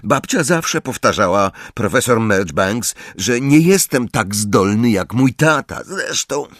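A man's voice: medium pitch, lively intonation, slow pace, a bit bright, no room sound, clean studio sound, pitched above the performer's own voice. A man voicing a timid, downcast teenage boy in an audiobook, hesitant speech. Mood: glum.

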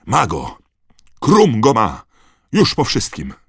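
A deep-voiced man voicing an eager teenage boy yelling excitedly at a match. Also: slow pace, husky, no echo, studio quality, exaggerated voice.

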